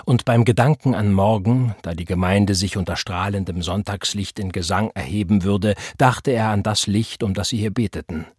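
A man narrates a novel in a measured, calm way. His low voice has a husky, breathy edge. The recording is close and dry, with no room sound. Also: no echo. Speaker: audiobook narrator. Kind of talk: scripted narration.

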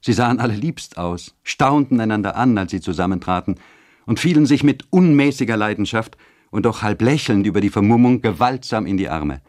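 Brief: male audiobook narrator for a classic novel, low-pitched, steady and literary. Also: a little fast, dry recording, clean studio sound.

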